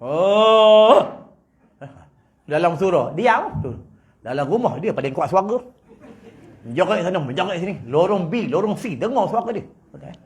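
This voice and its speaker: A man with a Malaysian Malay accent giving a humorous religious lecture in a prayer hall, teasing his audience and swinging between loud and soft. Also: high-pitched, lively intonation, moderate pace. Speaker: preacher.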